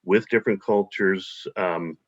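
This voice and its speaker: Dull lo-fi audio captures a man from the United States being interviewed casually as a guest. His low-pitched voice keeps a fairly even intonation at a measured pace, and he talks hesitantly with frequent fillers and restarts.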